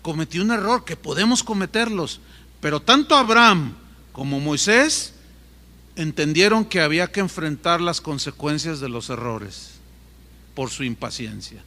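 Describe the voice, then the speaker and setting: Animated preacher. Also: male voice, fairly high pitch, moderate pace, in a large hall. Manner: animated storytelling, asides to the congregation. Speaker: pastor. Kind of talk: sermon.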